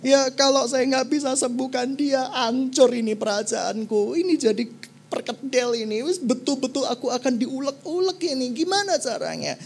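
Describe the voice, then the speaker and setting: A woman preacher voicing a panicked, cowardly king who wails and whines in a high, shrill put-on voice. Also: normal speed, creaky, breathy edge, heavily acted. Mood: whining. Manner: wailing, shrill.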